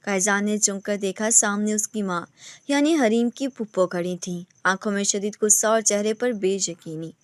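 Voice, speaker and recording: A woman reading a romantic novel aloud in steady scripted narration. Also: mid-range voice, no echo, clean studio sound.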